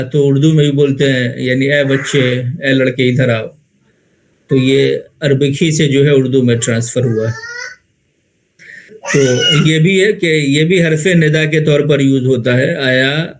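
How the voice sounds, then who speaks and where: A man with an Indian Urdu accent gives a grammar lecture, calm and methodical. He rephrases each term several times and poses questions he then answers himself. His voice sits at an ordinary middle pitch for a man. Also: low-quality recording. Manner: patient, repeats and rephrases terms, asks and answers own questions. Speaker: Arabic grammar teacher.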